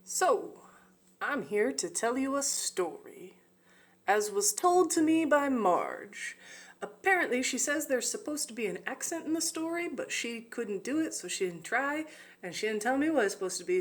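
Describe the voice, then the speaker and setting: A young woman telling a story playfully, with joking asides and whispered side comments. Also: mid-range voice. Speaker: student in a telephone game.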